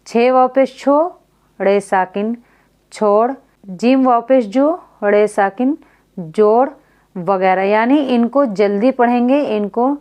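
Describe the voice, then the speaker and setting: A woman teacher takes a beginner Urdu reading lesson at an unhurried pace, spelling out each letter and vowel mark one by one. She keeps asking her listeners questions and then answers them herself, and her voice sits a little high. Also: darkish tone. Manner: slow, repetitive spelling-out of letters and marks.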